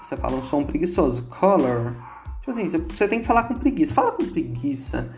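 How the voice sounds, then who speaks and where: A man's voice: fairly high pitch, sing-song, fast talker, darkish tone, soft background music. A man with a Brazilian accent giving a casual English lesson, chatty and repeating words aloud to show how they sound. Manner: chatty, repeats words to demonstrate pronunciation, asks "entendeu?". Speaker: English teacher.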